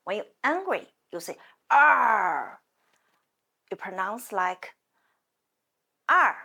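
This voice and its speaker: A woman with a Chinese accent teaching beginners to count in Chinese, drawing out each sound slowly for learners to repeat. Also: medium pitch, big pitch swings, a bit bright, breathy edge. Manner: slow, careful, drawn-out sounds. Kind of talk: slow language lesson. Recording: music playing behind.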